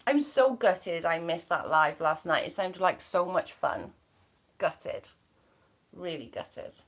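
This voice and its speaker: A Welsh woman with an accent from the area near the English border chats bubbly and gossipy on her livestream, reading out viewer comments. Her voice is on the low side, her intonation lively, and she takes her time.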